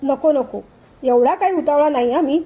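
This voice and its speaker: A woman's voice: high-pitched, normal speed, mellow, lightly acted. A woman voicing an irritable young man in a storybook reading, snapping short angry questions. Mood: irritated.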